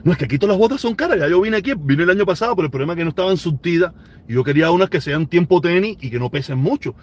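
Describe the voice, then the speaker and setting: Racing along in a fairly high, animated voice, a man in his forties with a Cuban Spanish accent responds to viewer comments during a casual live stream. He speaks emphatically and tends to repeat phrases to drive them home.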